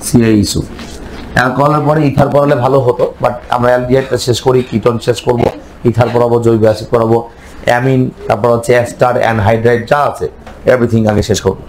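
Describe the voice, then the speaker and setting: A man's voice: medium pitch, fairly even intonation, quick pace, darkish tone, a little hiss or hum, poor audio. A man teaching a chemistry class, lecturing and firing repeated questions at his students.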